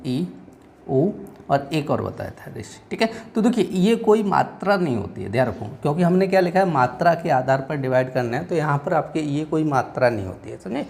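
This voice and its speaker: A man's voice: a little high, creaky, a little mellow, slight background noise. A male teacher with a northern Indian Hindi accent, giving a classroom lecture and often quizzing listeners with rhetorical questions.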